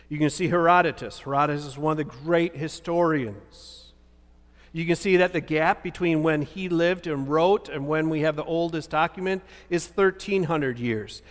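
A man in his fifties preaches from a lectern in a large church, his voice high for a man. He poses rhetorical questions and answers them with animated emphasis. A long hall reverb trails each phrase. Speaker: pastor. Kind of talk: sermon.

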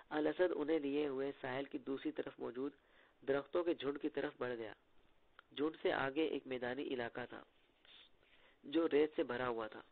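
A man from Pakistan narrating an audiobook with steady storytelling, heard through tinny phone-like audio. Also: medium pitch, gravelly.

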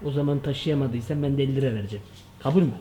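A young man in a comedic parody vlog, talking in an excitable, slangy way with jumpy asides. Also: mid-range voice, very fast, a little hiss or hum. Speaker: comedy vlogger.

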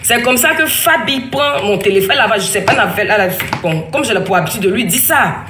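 A woman's voice: mid-range voice, animated, quick pace, a bit bright. A woman in her thirties tells a family story in a roomy, echoing space, with a faint hiss of background noise behind her. She talks in a rambling, emphatic way and keeps restarting her sentences. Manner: rambling, emphatic, with frequent restarts and quoted dialogue. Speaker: mother telling her story. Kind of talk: casual spoken testimony. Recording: echoey room with faint ambient noise.

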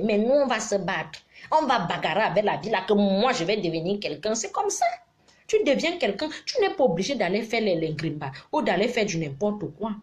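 A middle-aged woman talks to her viewers in a casual live stream. She lectures and teases by turns, scolding one moment and affectionate the next, always animated. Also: medium pitch. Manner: animated, preachy and teasing, mixing scolding with affection. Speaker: live-stream advice giver.

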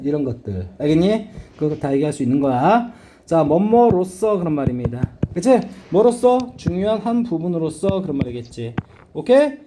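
Against a noisy background, a middle-aged man with a high-pitched voice teaches an English reading lesson in lecture style. He's blunt and casual, repeatedly asking his students whether they get it.

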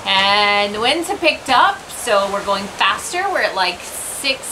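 A woman in her thirties chatting in a relaxed way while sailing a boat. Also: medium pitch, unhurried, noisy background. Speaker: sailing vlogger. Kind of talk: casual chat. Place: outdoors on a sailboat at sea.

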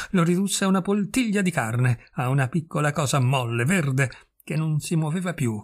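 A man reading a literary short story aloud in a measured, expressive storytelling manner. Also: on the high side. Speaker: audiobook reader.

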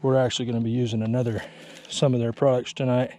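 On a frozen lake, a man with a mid-range, level voice talks fast as he casually explains his ice fishing setup, with background noise around him. He's plainspoken and self-deprecating, filmed on a body-worn action camera.

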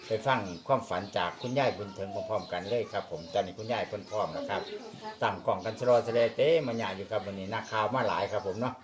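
A man with an Isan accent speaks quickly in a low voice as he presents to his viewers. He has a busy crowd chattering behind him. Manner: brisk, addresses viewers. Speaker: host. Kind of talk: casual vlog presenting.

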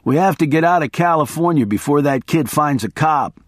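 A brash, wired journalist voiced by a man reading an audiobook, loud and declaiming with a lively, raised pitch. Close and dry sound. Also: moderate pace, no room sound. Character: reckless drugged male journalist, brash and wired.

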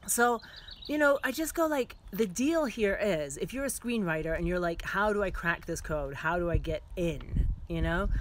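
A middle-aged woman filmmaker giving career advice straight to the viewer, frank and animated, full of "like" and "you know". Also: fairly low pitch, a little hiss or hum. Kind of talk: casual direct-to-camera advice.

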